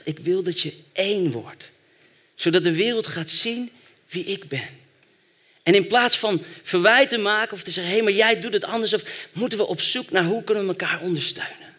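A man delivering a sermon, his voice pitched high and bright. He tells the story with lively energy and then urges the listeners on with growing fervor. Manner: storytelling, rising to fervent exhortation. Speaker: preacher.

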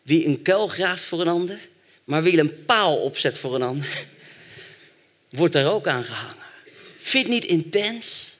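A man delivering a sermon, his voice pitched high and bright. He tells the story with lively energy and then urges the listeners on with growing fervor. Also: a little slow, pauses often. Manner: storytelling, rising to fervent exhortation. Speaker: preacher.

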